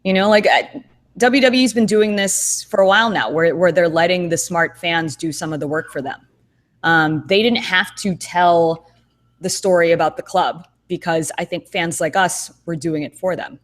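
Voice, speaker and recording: A co-host with a fairly low voice talks at normal speed in a casual podcast conversation over video call. Her thinking comes out rambling, with many fillers and restarts.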